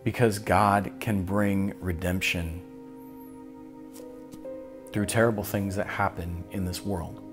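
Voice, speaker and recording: Male pastor, very low voice, unhurried and weighty sermon delivery with long pauses. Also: fairly even intonation, music in the background. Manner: slow, solemn and deliberate, with long pauses.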